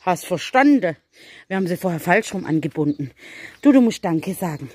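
A woman's voice: lowish voice, expressive, normal speed, darkish tone, no echo. A woman vlogging casually on a village farm, chatting and coaxing animals while switching between languages. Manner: chatty, switching between German, English and Arabic.

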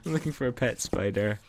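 Gamer guy, joking banter, lively swoopy pitch, faint noise behind. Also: vocal fry. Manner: jokey, bursts into loud playful shouting. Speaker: gameplay commentator. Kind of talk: casual gameplay chat.

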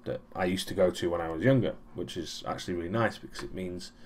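Low-voiced man rambling through a vlog. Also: quick pace, a little mellow. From Europe. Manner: rambling, many ums and restarts, dry sarcasm. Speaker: vlogger. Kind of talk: casual weekly vlog recap.

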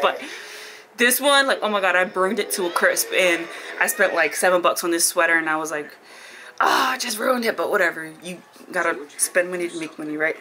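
A woman giving a casual, excitable room tour for her vlog at home. She is congested and talks in a chatty way, full of fillers. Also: fairly low pitch. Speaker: vlogger.

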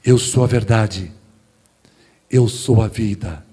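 A pastor speaking as Jesus, deep and unhurried, every phrase solemn and weighty. His husky voice hangs in a long church-hall echo. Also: warm tone, full character voice.

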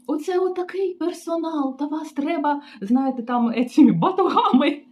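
A woman's voice: high voice, expressive, normal speed, darkish tone, voice pushed up. A woman voicing a bossy middle-aged female hotel receptionist who shrieks and scolds in indignant outrage. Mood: shrill outrage.

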